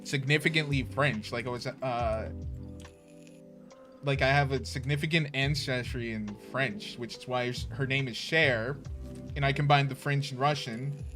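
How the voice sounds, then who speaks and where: A man's voice: medium pitch, steady tone, normal speed, bright, forceful tone. Rambling man host over faint music. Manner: rambling, full of fillers and swearing. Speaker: stream host. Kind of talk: casual chat before a tabletop session. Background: faint background music.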